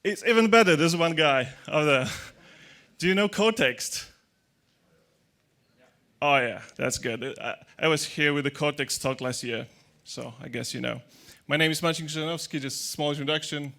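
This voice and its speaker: In a large, dark conference hall full of people, a chatty man holds a handheld mic and gives a tech talk. His voice runs on the high side with a sharp tone at a moderate pace, and he jokes around, restarting hesitantly and using non-native grammar.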